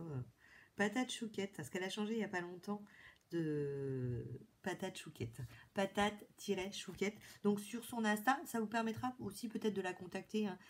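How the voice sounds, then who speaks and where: A woman's voice: fairly low pitch, slightly rough. A woman from France chatting enthusiastically through a haul video, full of fillers and restarts. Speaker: beauty vlogger.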